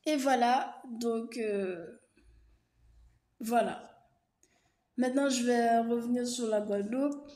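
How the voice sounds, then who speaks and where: Warm in tone and on the high side, this woman takes her time, leaving long pauses as she talks casually to camera. Her chatty, hesitant explanation is loaded with fillers, restarts and reassuring asides, recorded with a roomy echo.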